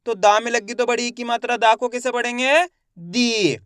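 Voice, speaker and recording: Young man, reading teacher, slow stretched syllables, smooth clear voice, dry close sound. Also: very high-pitched, level tone, a bit bright, no echo. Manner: drawn-out syllables, quizzing questions to viewers. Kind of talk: step-by-step lesson for learners.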